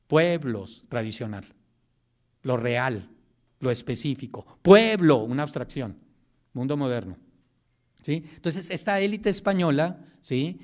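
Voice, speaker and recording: A man's voice: fairly high pitch, darkish tone. A man giving a history lecture in a classroom, talking in a loose, joking way and often checking in with his students.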